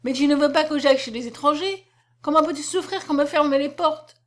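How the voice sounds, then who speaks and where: A woman's voice: high-pitched, fairly quick, pitched above the performer's own voice, natural voice. A woman reading aloud, voicing a desperate young woman who pleads and cries out at a locked door. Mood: pleading.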